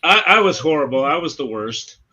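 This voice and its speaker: A man's voice: on the high side, lively intonation, brisk, crowd noise. An American man in casual group chat, blunt and teasing, often restarting his sentences, on slightly lo-fi voice chat.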